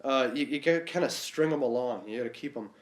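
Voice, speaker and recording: A man's voice: medium pitch, fast. A stuffed-up man with a Boston accent, co-hosting a podcast and telling stories in laid-back chat, swearing freely. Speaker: podcast co-host. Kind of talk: casual chat. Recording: roomy echo.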